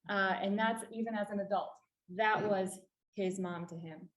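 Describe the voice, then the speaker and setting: A woman of middle pitch gives an earnest, explanatory public talk, pressing hard on the points that matter most. Her voice carries the bounce of an echoey meeting room. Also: fairly even intonation, moderate pace. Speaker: refugee services staff presenter. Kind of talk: public talk to a library audience.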